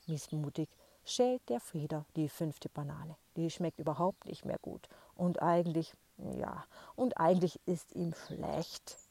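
A woman reads a children's story aloud in a gentle, lively storybook manner. Her voice sits a little low and sounds husky. She tells the story for young listeners. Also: unhurried, no echo.

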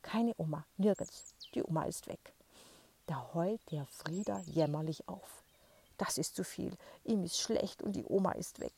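A woman reads a children's story aloud in a gentle, lively storybook manner. Her voice sits a little low and sounds husky. She tells the story for young listeners. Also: a little slow.

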